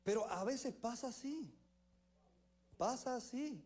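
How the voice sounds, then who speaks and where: A man's voice: extremely high pitch, lively intonation, slow, a little mellow, breathy edge. A man with a Cuban accent, a pastor preaching a sermon in a church service, telling anecdotes in a joking way. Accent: Cuban Spanish. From Cuba. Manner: anecdotal, joking, laughs often.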